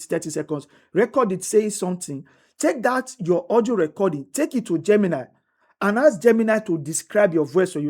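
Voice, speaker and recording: A woman's voice: on the low side, a little mellow. A woman teaching a tutorial step by step, often repeating herself and checking in with "right?". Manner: repetitive, restates each step, asks "right?". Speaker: instructor. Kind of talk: screen-recorded tutorial walkthrough.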